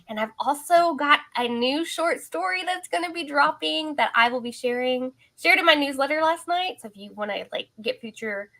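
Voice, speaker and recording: A woman's voice: fairly high pitch, bright, forceful tone. A woman chatting informally and a little ramblingly as an author introducing herself on a panel. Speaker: fantasy romance author on panel. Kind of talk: casual chat. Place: home office and playroom.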